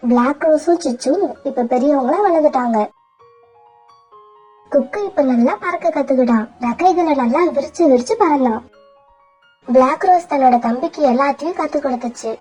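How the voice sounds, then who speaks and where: High mellow woman narrating a cartoon. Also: moderate pace, faint music behind. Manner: plain, storytelling. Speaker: storyteller.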